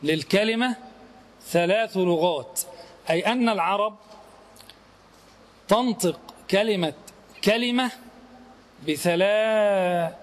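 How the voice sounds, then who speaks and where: A middle-aged man gives a grammar lesson in a fairly high voice. He asks the class questions and answers them himself, slowly repeating each key term until it sinks in. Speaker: religious grammar teacher.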